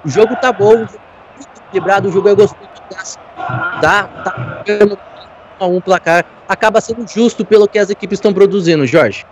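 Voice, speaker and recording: Brazilian man, football analysis, high pitch, live broadcast, slight background noise. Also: brisk, low-quality recording.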